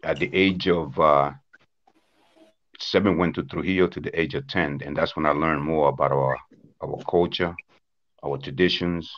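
A man's voice: rumbling low, fairly even intonation, moderate pace, long pauses, fairly bright tone, highs cut off. A man from Honduras gives a conference talk on a video call, telling history plainly with frequent "uh" and "according to what I understand.". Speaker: invited speaker on Wanaragua dance. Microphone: webcam on video call.

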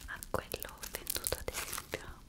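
A young woman in her twenties doing whispered ASMR, softly and very close to the microphone, right in your ear. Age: 20s. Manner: slow, soft, unhurried delivery. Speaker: ASMR host. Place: small quiet indoor room. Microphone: large studio condenser microphone inches from the mouth. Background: crunchy slime crackling and crinkling.

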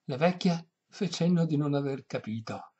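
Husky male audiobook reader, lively narration, dull lo-fi recording. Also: on the high side, moderate pace. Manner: expressive, animated narration. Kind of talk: storytelling reading.

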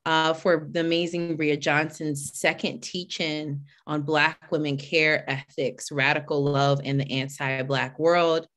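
A woman hosting an online teach-in on a video call, chatty and welcoming as she greets people by name before moving into a more formal introduction. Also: low voice. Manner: warm, chatty greetings, reading names from the chat. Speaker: host and executive director.

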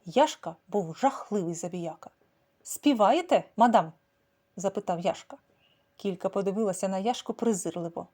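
A woman, the author, reading her own children's story aloud in an expressive, sing-song storytelling manner. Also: mid-range voice, brisk. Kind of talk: storybook narration.

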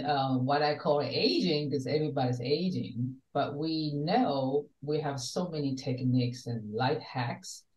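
An older woman from Taiwan who works as a wellness coach joins a video call as a guest from her home study and speaks earnestly. Her voice is low and a little mellow, captured by a webcam from a distance with a roomy sound.

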